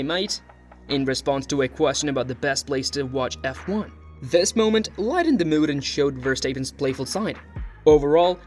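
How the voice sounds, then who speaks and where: Male narrator, scripted countdown read, somewhat high voice, faint music bed.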